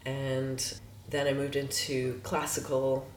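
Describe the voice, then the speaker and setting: This guest musician, a woman from Los Angeles whose first language is Hungarian, chats casually in an interview from an echoey room. She has a bass voice that stays monotone and slow, with a darkish tone. There's slight background noise.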